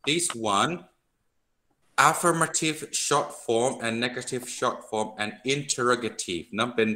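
Bright-voiced man teaching English grammar. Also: medium pitch. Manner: slow, drawn-out English drills mixed with quick Thai explanations. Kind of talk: online English grammar lesson.

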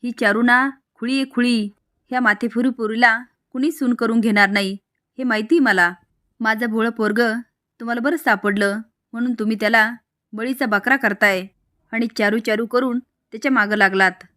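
A woman's voice: fairly high pitch, fairly even intonation, normal speed, sharp tone, no room sound, studio quality. Woman doing a bossy proud mother-in-law. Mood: scolding. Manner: boastful, scolding. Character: domineering proud middle-aged mother-in-law.

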